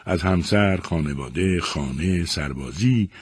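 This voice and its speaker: Deep husky male storyteller. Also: no echo. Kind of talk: scripted narration of short stories.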